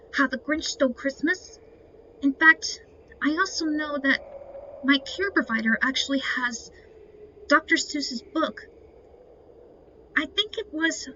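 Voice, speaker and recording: Speaking in a high, sharp-toned voice, a woman talks viewers through a game she's playing, keeping the commentary casual and explanatory. The recording comes from a muffled lo-fi mic with clear noise.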